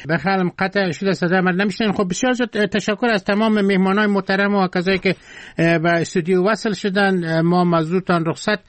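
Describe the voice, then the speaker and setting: A man hosting a radio call-in show, courteous and brisk as he thanks his guests. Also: high voice, fairly even intonation, no room sound. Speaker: radio host.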